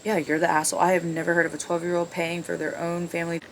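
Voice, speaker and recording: Reading online stories aloud in a casual video, the host cuts in with sarcastic, sweary, blunt remarks. She talks fast, low and completely flat. You can clearly hear noise in the background.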